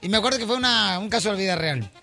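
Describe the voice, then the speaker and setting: Mexican male radio host, rowdy joke-teller, bright edge to the voice. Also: high voice, expressive, rapid-fire, creaky, soft background music. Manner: boisterous, teasing, laughs through his jokes. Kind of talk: joke-telling radio banter.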